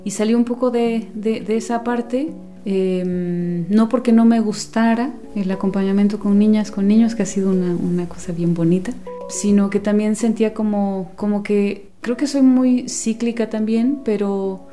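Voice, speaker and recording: A woman in her forties from Guatemala, a guest speaking softly in an interview and searching for words with many pauses and restarts. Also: mid-range voice, steady tone, soft background music. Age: 40s. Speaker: guest, women's companion and former teacher. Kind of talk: unhurried interview talk.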